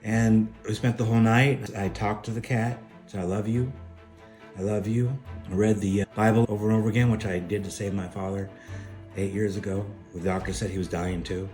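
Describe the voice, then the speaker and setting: Man, middle-aged, lowish voice, earnest spiritual testimony, faint music underneath. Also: level tone, fairly quick, darkish tone. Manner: earnest, emphatic, preacher-like. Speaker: spiritual speaker sharing a testimony. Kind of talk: personal testimony, storytelling.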